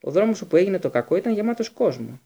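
A man's voice: high voice, big pitch swings, mellow, pitched above the performer's own voice, exaggerated voice. A man voicing an earnest, insistent teenage boy who speaks with urgency in an audiobook.

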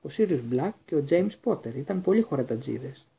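A man putting on a chatty, curious innkeeper woman in a storybook, gossiping across the table in a raised but still dark, mellow voice. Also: on the high side, lively intonation, vocal fry, husky, heavily acted.

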